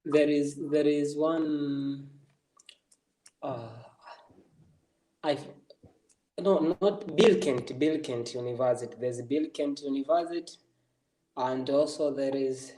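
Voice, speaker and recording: Male interviewer, fairly high mellow voice, halting casual delivery, roomy echo. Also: steady tone. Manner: halting, repeats phrases as he asks. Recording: roomy echo, far from the mic.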